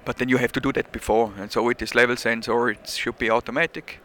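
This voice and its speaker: A Swiss man speaking English as a second language answers casual questions about his product at a trade show, hesitating, filling pauses and restarting often. His mid-range voice barely moves in pitch, is somewhat bright, and runs fast.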